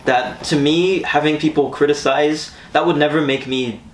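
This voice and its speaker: A young man from Switzerland, a guest musician and producer, telling his story in a relaxed, reflective way in a music studio. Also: on the high side, normal speed, distant mic. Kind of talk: casual interview. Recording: roomy, off-mic with faint noise.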